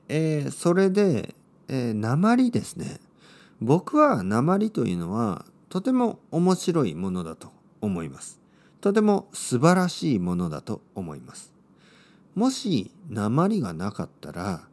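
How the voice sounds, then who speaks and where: A man from Oita, Japan, teaching Japanese to learners in slow, simple, clearly spoken sentences. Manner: slow and clear, with lively swings in pitch.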